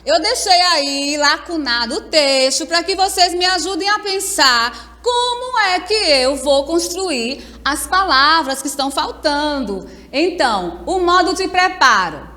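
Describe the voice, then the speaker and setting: A Brazilian woman teacher speaks in a high, clear register at an unhurried pace. She explains patiently and sounds words out syllable by syllable. The recording carries a long reverb tail. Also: animated, sharp tone. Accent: Brazilian Portuguese. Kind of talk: remote class lesson.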